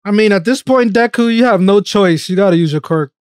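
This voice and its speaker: A man's voice: sits high, a little fast, a little mellow. A man in his thirties giving casual, slangy reaction commentary as host, close on a microphone. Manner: slangy, informal. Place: small home streaming room. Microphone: close microphone on a boom arm. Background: music from the show.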